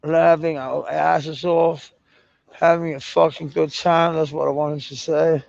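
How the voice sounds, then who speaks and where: A Danish man with a gravelly, raised voice rambles through a casual livestream chat, drawling his words slowly. He swears freely and laughs often, and the recording sounds dull and lo-fi. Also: fairly high pitch, little pitch movement, a little mellow, no echo. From Denmark.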